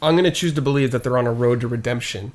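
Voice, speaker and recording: A man's voice: medium pitch, rapid-fire. A male podcast co-host with a mid-range voice. He jokes around and teases the others in a casual, playful way. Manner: jokey, teasing. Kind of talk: casual chat.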